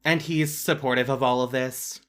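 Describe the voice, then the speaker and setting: A woman's voice: very deep voice, steady tone, normal speed. A woman playing a sarcastic, suspicious heroine. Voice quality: dry, sarcastic. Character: cool, suspicious woman superhero, passive-aggressive. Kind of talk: audio drama acting.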